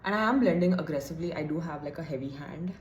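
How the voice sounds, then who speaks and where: In an echoey room with slight background noise, a young beauty vlogger with a deep voice talks fast as she does her makeup. It's a casual get-ready-with-me chat where she thinks aloud and is a little self-deprecating.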